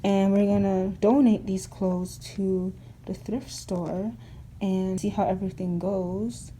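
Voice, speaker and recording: Slow-talking chatty young woman vlogger. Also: medium pitch, steady tone, warm tone, slight background noise, rough recording. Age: young adult. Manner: rambling, filler-heavy and chatty. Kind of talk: casual vlog chat.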